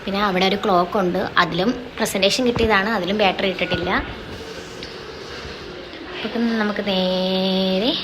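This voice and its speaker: A woman's voice: medium pitch, steady tone, moderate pace, pauses often, noisy background. A young woman, chatting casually as she gives a home tour and keeps calling out to her viewers. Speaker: vlogger giving a home tour.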